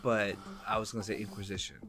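A man's voice: on the low side, level tone, quick pace, pushed and bright, faint music behind. A young man co-hosting a casual podcast, talking in a rambling way, restarting and repeating words as he thinks aloud. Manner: rambling, self-correcting, often repeats words. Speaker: podcast co-host. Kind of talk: casual chat.

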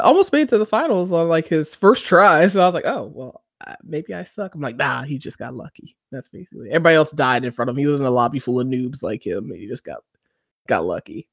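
A podcast co-host ramblingly recaps a TV episode in casual chat, full of fillers and acted-out quotes. His medium-pitched, slightly bright voice swings widely in pitch at a quick pace, captured in clean studio sound without room noise.

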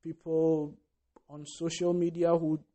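Man, motivational business talk, emphatic, somewhat high-pitched. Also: level tone, measured pace, dark tone. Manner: emphatic, repeats "right?" and "listen". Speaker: business vlogger.

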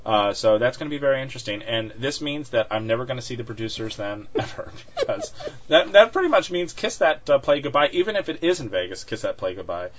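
A podcast co-host talks fast in casual chat, laughing often and filling his speech with fillers and restarts. His voice is medium-pitched with big pitch swings. The recording sounds dull and lo-fi, with a little hiss or hum.

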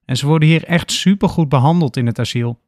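A man's voice: on the high side, fast talker, a little mellow, no echo, clean studio sound, lightly acted. Sanna, a man doing a firm young student woman. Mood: eager. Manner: earnest, coaxing, turns strict.

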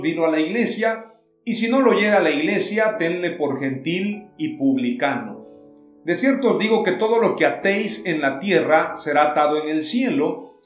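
A man preaches with a high, carrying voice, reading scripture and then stressing its meaning. The room rings with echo. A faint guitar plays underneath. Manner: reads Bible verses aloud then explains them emphatically.

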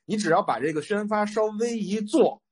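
A man chatting casually as a panelist, animated and repeating phrases for emphasis. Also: high-pitched, brisk, husky. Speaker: film discussion panelist. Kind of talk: casual chat.

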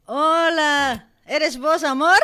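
A woman's voice: sits high, steady tone, very slow. A woman playing a lovesick, demanding girlfriend in a comedy radio sketch, coaxing and repetitive. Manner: coaxing, repeats words.

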